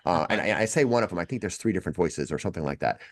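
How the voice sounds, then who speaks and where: A man co-hosting a tech podcast, explaining features in a relaxed, chatty way with frequent fillers and restarts. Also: low-pitched, rapid-fire. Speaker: podcast co-host. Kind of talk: casual tech chat.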